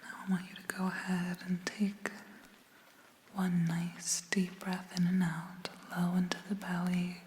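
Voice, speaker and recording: A woman whispering a gentle, reassuring ASMR pep talk in a breathy voice, slowly and with long pauses. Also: fairly low pitch, monotone, slight background noise. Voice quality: breathy, mostly unvoiced whisper. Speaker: ASMR host.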